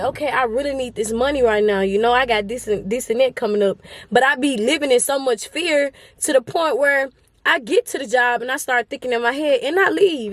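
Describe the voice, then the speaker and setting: A woman's voice: high voice, a bit bright, no room sound. A woman, talking earnestly and emotionally to her viewers in a casual motivational vlog. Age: 20s. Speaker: vlogger. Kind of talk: casual motivational talk to camera.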